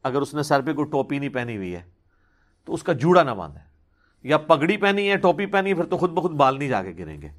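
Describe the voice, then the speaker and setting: A man's voice: fairly high pitch, very animated. A man giving a religious question-and-answer talk, reasoning patiently and pressing hard on his key points.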